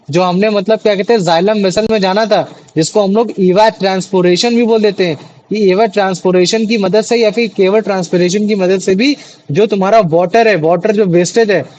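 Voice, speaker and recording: High-voiced man teaching a class. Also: darkish tone, rough recording. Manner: chatty, repeats questions to students, many fillers. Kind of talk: classroom biology lesson.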